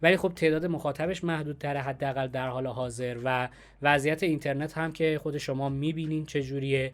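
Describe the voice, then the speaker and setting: A man speaking as the host of a conversational interview. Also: mid-range voice.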